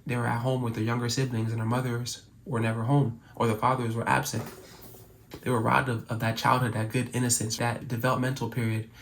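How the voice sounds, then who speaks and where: A man's voice: medium pitch, flat delivery, fairly quick, slight background noise. A young man from Cameroon whose first language is French, talking earnestly to camera in a casual, reflective way. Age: young adult. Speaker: YouTuber.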